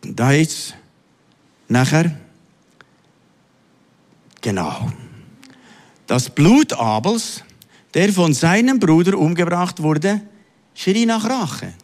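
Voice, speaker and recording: A man delivers a sermon from the pulpit. His voice sits high and leaps all over the place, sinking into low, confiding asides before soaring into emphatic exclamations. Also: sing-song, slow pace, pauses often, a little mellow. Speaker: preacher.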